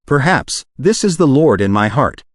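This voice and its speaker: A machine-generated male voice reading the lines of a calm, resolute young female knight and ruler in a storybook audiobook. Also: medium pitch, moderate pace, no echo, studio quality. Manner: calm and composed, in a flat synthetic read.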